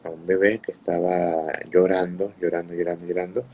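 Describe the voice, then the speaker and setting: A male preacher telling religious stories to listeners in an unhurried way, often repeating words while he searches for the next one. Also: low voice, flat delivery, slightly rough, highs cut off. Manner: greets listeners mid-talk. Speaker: Islamic preacher. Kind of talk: religious storytelling talk.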